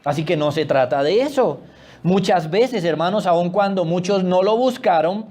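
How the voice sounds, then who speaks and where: A man preaching a sermon as pastor, swinging between loud exclamations and hushed low asides. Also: moderate pace.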